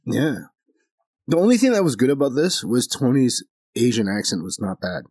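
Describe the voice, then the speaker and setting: A man's voice: mid-range voice, big pitch swings, moderate pace, a little mellow, dry recording. A man hosting a casual comedy podcast, earnest and talking things through, acting out other people's reactions. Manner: earnest, acts out quoted reactions. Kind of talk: casual chat.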